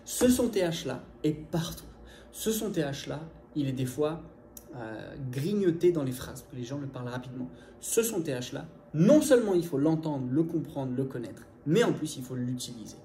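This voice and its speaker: A man giving an energetic video lesson, talking fast and straight to the viewer as an English teacher. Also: on the high side, echoey room, slight background noise. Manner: lively, fast, direct to viewer.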